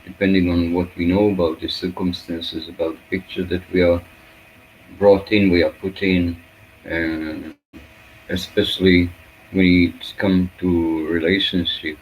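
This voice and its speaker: The recording is muffled with a bit of hiss or hum, capturing a low-pitched man speaking Hebrew with little pitch movement. He offers an unscripted, reflective spiritual talk in fragmented, halting phrases and searching pauses.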